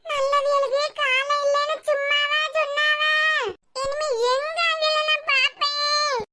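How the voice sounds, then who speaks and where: A woman's voice: very high voice, little pitch movement, measured pace. A woman voicing a gossipy, fussing middle-aged village woman in a cartoon, with a Kanyakumari Tamil accent and a dramatic, scolding manner. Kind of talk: cartoon web series voice acting. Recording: loud background noise.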